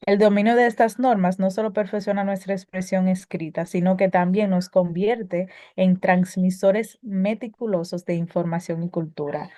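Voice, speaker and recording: A woman's voice: mid-range voice, mellow, no room sound. A woman teaching a spelling lesson, reading prepared explanations with occasional filler sounds and self-corrections.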